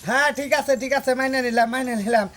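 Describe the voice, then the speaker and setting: A woman's voice: high voice, steady tone, very fast, natural voice. A woman playing an outspoken village sister-in-law in a rustic comedy, scolding and lecturing. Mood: bossy. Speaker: sister-in-law arranging song lessons.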